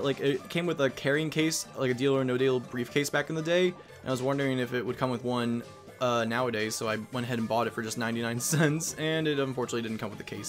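A young man giving casual, rambling commentary while playing a video game. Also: mid-range voice. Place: voice-over recorded over game audio. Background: faint game music.

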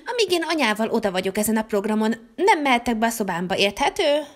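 A high, bossy little girl from a toy-figure story, as a woman puts her on. She sounds demanding and quick to protest. Her voice leaps about in pitch. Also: very animated.

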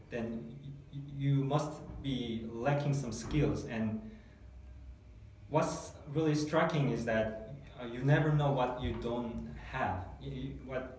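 A Korean man in his thirties, a guest in a testimonial interview, speaks English as a second language with a medium-pitched, slightly mellow voice, hesitating often with many fillers and restarts. He sits at a table in a small dark meeting room; the audio is echoey, with a distant mic and faint hiss.

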